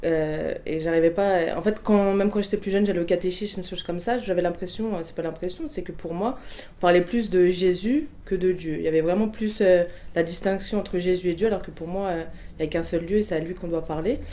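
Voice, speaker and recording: A woman in her 20s from a Portuguese family background responds to prompts with a personal testimony. She speaks a little fast in a warm, lowish voice with a steady tone, though her delivery is halting, with frequent fillers and false starts.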